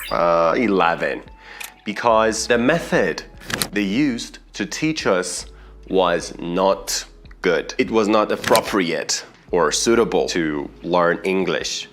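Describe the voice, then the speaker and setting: A young man with a Persian accent, an English teacher telling the story of how he learned the language, speaking slowly and with plenty of rises in his voice. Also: low-pitched. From Iran. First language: Farsi. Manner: animated storytelling, slow and deliberate with sudden rises. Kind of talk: personal story lesson to camera. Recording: faint music bed behind.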